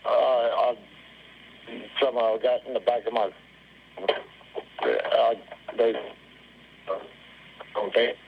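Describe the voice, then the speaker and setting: Man, emergency caller, choppy phone line cutting out, broken-off words, halting, muffled sound, faint hiss. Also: mid-range voice, steady tone, vocal fry. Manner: halting, trailing off mid-sentence. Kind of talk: phone call to dispatcher.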